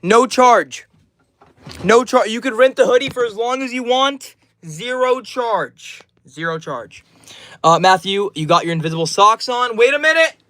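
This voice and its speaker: A man's voice: extremely high pitch, lively intonation, a little slow, a bit bright. A twenty-year-old man live streaming, reading out chat names and answering each message in a friendly, upbeat way. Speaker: livestreamer.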